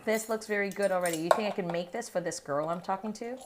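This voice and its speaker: A woman's voice: medium pitch, fast talker, background noise. A woman co-hosting a cooking stream, bantering playfully and asking the cook questions. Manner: playful and teasing, asks questions. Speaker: co-host reading chat.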